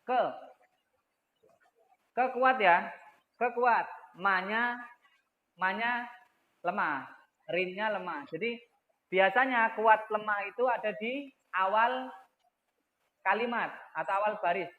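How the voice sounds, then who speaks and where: A man's voice: high voice, slow, pauses often, phone-quality sound. A man teaching young children in an online class, speaking patiently and repeating key words, heard through an echoey video call. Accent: Indonesian.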